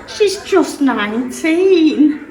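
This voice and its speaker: Woman as a high, exaggerated panto miller. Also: expressive, very slow, mellow, faint music behind, heavily acted. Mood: nervous, meek. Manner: theatrical, exaggerated. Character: boastful, nervous miller parent in a pantomime. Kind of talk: rhyming amateur pantomime acting. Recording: echoey room, distant microphone.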